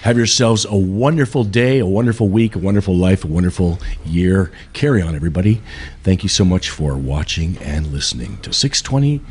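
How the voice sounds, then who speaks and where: Lowish-voiced jokey man hosting. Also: lively intonation, darkish tone, breathy edge. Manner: jokey, chatty, quick asides. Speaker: podcast host. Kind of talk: casual chat. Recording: faint background noise.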